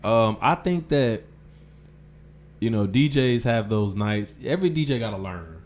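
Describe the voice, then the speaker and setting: A man with a fairly low, darkish-toned voice and lively intonation hosts a casual podcast interview at an unhurried pace. He's easygoing, with lots of "okay" and "um" backchannels.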